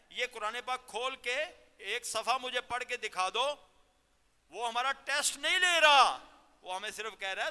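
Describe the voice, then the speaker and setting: A man giving a Ramadan sermon as a cleric, exhorting and questioning his listeners and slowing down to demonstrate careful recitation. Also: extremely high pitch, sharp tone, clean tone. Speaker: cleric teaching Quran lesson. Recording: long reverb of a large hall.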